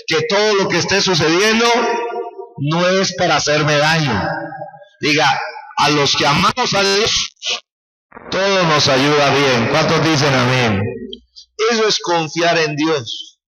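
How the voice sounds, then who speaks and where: A man's voice: a little high, bright, forceful tone. A man preaching a sermon as pastor, impassioned and calling out for the congregation's responses. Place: church sanctuary. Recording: roomy church hall.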